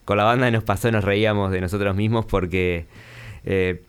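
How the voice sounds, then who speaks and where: A man, a musician being interviewed, talking in a relaxed, rambling way with fillers. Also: fairly low pitch, moderate pace, clean tone. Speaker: musician guest. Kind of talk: casual interview talk.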